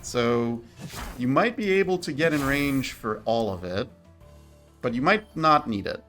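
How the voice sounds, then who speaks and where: A man's voice: medium pitch, animated, a little slow, a bit bright, faint music behind. A man co-hosting a gameplay stream, explaining how the game works in a light, joking way. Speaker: stream co-host. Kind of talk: casual gameplay chat.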